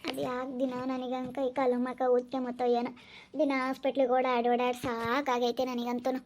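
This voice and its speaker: A woman playing a brisk, gossipy food-stall keeper in an amateur village skit. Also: sits high, completely flat delivery, a little mellow, a little hiss or hum. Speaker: egg-rice stall owner.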